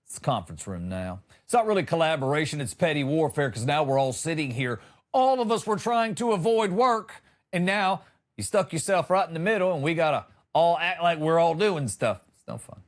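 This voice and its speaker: A middle-aged American man hosts a comedy podcast, delivering a humorous monologue on news stories with wry exaggeration and acted-out lines. His voice sits a little high, very animated, and he talks fairly quickly.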